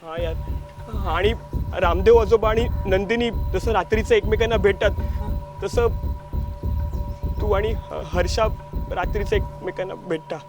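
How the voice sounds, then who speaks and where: A man's voice: high voice, measured pace, long pauses, music in the background. A man playing a nervous peacemaking young friend. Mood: hesitant. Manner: hesitant, pleading.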